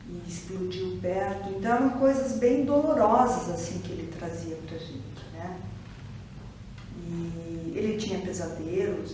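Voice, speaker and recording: A woman with a Curitiba Brazilian Portuguese accent speaks slowly and thoughtfully, pausing often as she reflects in an interview. Her voice is mellow and warm. It was recorded from some distance in a very echoey room, with faint ambience behind her. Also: on the low side, a little hiss or hum. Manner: reflective, hesitant, many pauses and restarts. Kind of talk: personal testimony interview.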